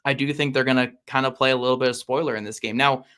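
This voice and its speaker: A man's voice: medium pitch, fairly even intonation, quick pace, a bit bright, clear, resonant tone. A man appearing as a guest on a sports podcast, making emphatic points about football and repeating them for weight. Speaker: guest analyst. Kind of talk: casual sports podcast chat.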